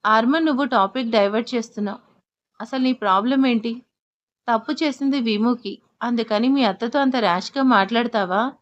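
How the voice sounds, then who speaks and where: A woman voicing a sharp-tongued young wife. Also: a little high, highs cut off, natural voice. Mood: firm. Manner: firm and quick, scolding.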